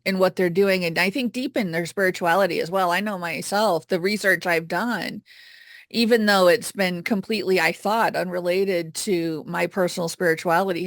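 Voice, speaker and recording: Woman, interview host, thoughtful halting delivery, lowish voice, dry sound. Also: gravelly, no room sound. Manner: thoughtful, halting, many restarts. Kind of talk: casual interview talk.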